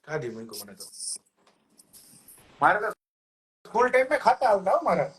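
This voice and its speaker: A man's voice: sits high, normal speed, husky. A man, telling childhood stories in casual chat and acting out other people's lines. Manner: lively anecdotes, acts out classmates' lines. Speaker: podcast co-host.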